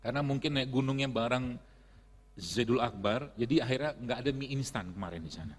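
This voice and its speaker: A man's voice: medium pitch, fairly quick. A middle-aged man giving a casual religious health talk to an audience, chatty and laughing often. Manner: chatty, laughs often, uses Islamic phrases. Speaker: preacher and health speaker. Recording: long hall reverb.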